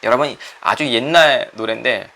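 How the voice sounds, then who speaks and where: A man's voice: mid-range voice, normal speed, gravelly, pushed and bright. A middle-aged man, a pastor, giving a conversational sermon that acts out quoted voices and puts questions to the listeners.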